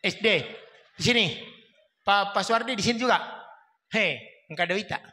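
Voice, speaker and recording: High bright-voiced preacher in echoey hall. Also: male voice, normal speed. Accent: Makassar Indonesian. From South Sulawesi, Indonesia. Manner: storytelling, swaps into voices of mother and father. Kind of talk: humorous sermon with acted-out stories. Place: mosque hall.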